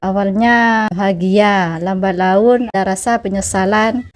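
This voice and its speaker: Calm woman in her forties from East Java. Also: medium pitch, unhurried. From Jember, East Java. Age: 40s. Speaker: villager interviewed. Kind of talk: on-camera self-introduction and interview.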